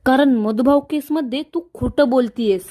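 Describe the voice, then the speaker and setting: A woman's voice: sits high, moderate pace, mellow. A woman voicing a young husband who firmly confronts a woman he says is lying. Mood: stern.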